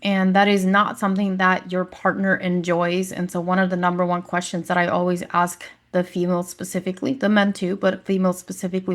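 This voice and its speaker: A woman health coach hosting her own podcast, talking casually and with energy, often acting out what her clients say. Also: on the low side. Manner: energetic, conversational, acts out quoted clients.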